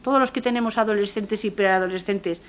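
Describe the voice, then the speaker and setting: A woman's voice: mid-range voice, brisk. A woman from Spain with a Spanish accent giving an academic conference talk as a university lecturer, earnest and engaged, often restarting and correcting herself mid-sentence. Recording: tinny phone-like audio.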